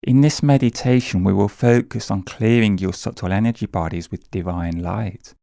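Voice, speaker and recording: Low, gravelly man guiding a meditation. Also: dry recording, studio quality. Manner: calm, measured, soothing delivery. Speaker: guided meditation narrator. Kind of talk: scripted guided meditation narration.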